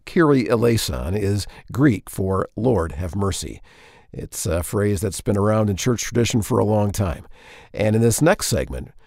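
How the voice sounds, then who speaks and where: A man hosting a faith podcast, reading an earnest, measured segment introduction close to the mic. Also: lowish voice, gravelly, darkish tone, no echo. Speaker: podcast host.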